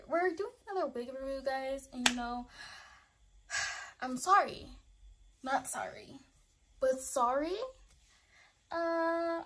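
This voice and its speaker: A young woman chatting casually to camera as a beauty vlogger, slang-heavy and laughing often. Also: sits high.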